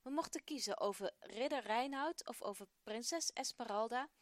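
A woman's voice: on the high side, moderate pace, dry recording, lightly acted. A woman reading the part of an eager, imaginative young schoolboy who talks earnestly.

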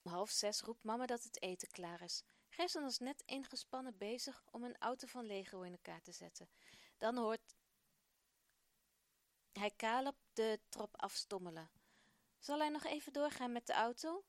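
A woman presenting a children's radio program, telling a story in a lively, expressive way. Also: a little high, normal speed, dry recording.

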